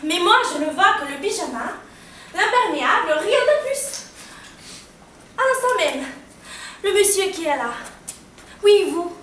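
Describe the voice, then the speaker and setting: Confused frightened teen girl played by a woman, stage monologue, hushed murmurs to shrill cries, very high voice, distant mic, echoey hall, faint noise. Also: animated, unhurried, long pauses, heavily acted. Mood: dreamy. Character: confused, frightened teenage girl, haunted and feverish. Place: theater stage.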